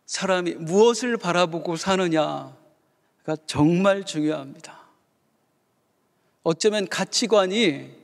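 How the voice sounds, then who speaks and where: A man's voice: sits high, vocal fry, big-room sound. A male pastor preaching a sermon, telling a story and building up fervent rhetorical questions. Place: church sanctuary.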